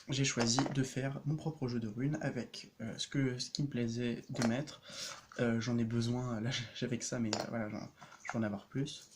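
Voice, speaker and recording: A man of average pitch explains his homemade rune deck in a relaxed vlog. He hesitates often, restarts his sentences and fills pauses with little chuckles. He talks as an energy practitioner sharing with his viewers. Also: background noise.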